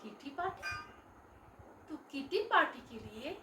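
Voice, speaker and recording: A woman's voice: high voice, big pitch swings, measured pace, noisy background. A woman playing a worried middle-aged mother who pleads with and scolds her married daughter in a home family drama. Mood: pleading, reproachful. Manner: pleading, moralizing, reproachful. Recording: roomy echo, voice from a distance.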